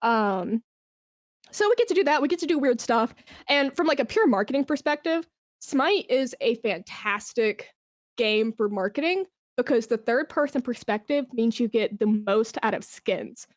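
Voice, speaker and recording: An esports brand manager guesting on a podcast talks in a fairly high voice during a casual interview, enthusiastic, informal and swearing freely. Her intonation is lively and her pace normal, and the recording is very dry with no room echo.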